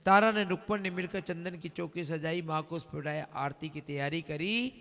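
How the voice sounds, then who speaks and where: High, gravelly devotional storyteller man. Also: sharp tone. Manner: calls on the crowd to raise hands and respond; switches into long drawn-out singing. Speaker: devotional storyteller at a night vigil. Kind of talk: devotional storytelling with sung verses. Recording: long reverb of a hall.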